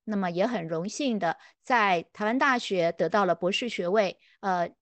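A woman's voice: medium pitch, normal speed, no room sound. Reflective woman lecturer. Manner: reflective, conversational, acts out quoted dialogue. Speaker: literature scholar. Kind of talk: personal storytelling lecture.

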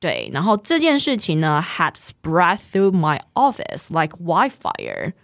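A woman's voice: lowish voice, huge pitch swings, takes it slowly, gravelly, fairly bright tone, dry recording, clean studio sound. A woman teaching English vocabulary, patiently drilling words and having the learner repeat them. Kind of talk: bilingual language lesson.

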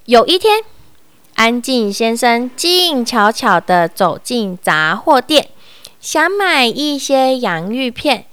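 Expressive woman storyteller. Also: on the high side, slow, clear, resonant tone, dry recording. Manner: expressive, sing-song. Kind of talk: children's story reading.

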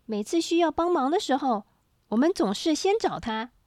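A woman voicing a caring mother rabbit in a bright, coaxing way. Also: high-pitched, animated, moderate pace, no room sound, clean studio sound. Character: warm, fussing mother rabbit.

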